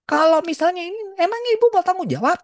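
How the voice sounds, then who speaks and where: Man doing a sneering surgeon, high sharp scolding voice, quick, dry sound. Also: expressive, no room sound. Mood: scornful. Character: rude arrogant male surgeon, snapping at patient.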